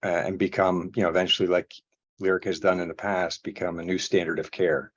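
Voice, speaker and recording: A man's voice: low voice, flat delivery, fairly quick, breathy edge, muffled recording. A man commenting on a talk at an event, earnest and full of fillers. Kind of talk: spontaneous remarks at an event.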